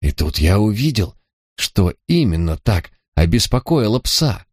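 A man's voice: on the low side, big pitch swings, unhurried, slightly rough, no room sound, studio quality, full character voice. A man voicing an old male villager and poacher who tells his story in a rambling, mournful way. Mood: rueful. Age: over 60.

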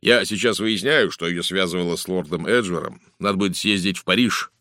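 A man voicing a brisk, blunt middle-aged police inspector in an audiobook, talkative and matter-of-fact. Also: low voice, pushed and bright, dry recording, clean studio sound. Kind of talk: audiobook character voice.

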